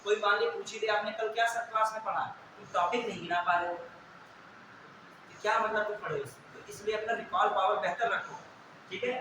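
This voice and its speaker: A man's voice: sits high, moderate pace. A young adult male teacher giving a classroom lecture, quizzing students and answering his own questions. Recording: very echoey room, distant mic, clear hiss.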